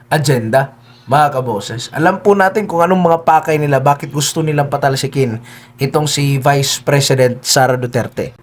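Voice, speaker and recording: A man giving solo political commentary, speaking politely, with frequent hesitations, and often turning to his listeners with tag questions. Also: fairly high pitch. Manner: keeps addressing listeners, tags lines with "no?" and "di ba?".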